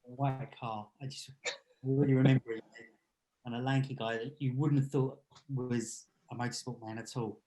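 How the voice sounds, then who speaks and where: A man's voice: mid-range voice, fairly even intonation, moderate pace, mellow, low-quality recording. A middle-aged man, co-hosting a casual chat podcast in a chatty, joking way. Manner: chatty, jokey, laughs often. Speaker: podcast co-host.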